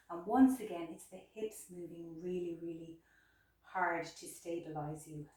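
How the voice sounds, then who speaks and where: A woman teaching yoga poses in a chatty, instructive way, a little out of breath, recorded from a distance. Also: on the low side. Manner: chatty, instructive, repeats words for emphasis. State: slightly out of breath. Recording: very echoey room, mic far off.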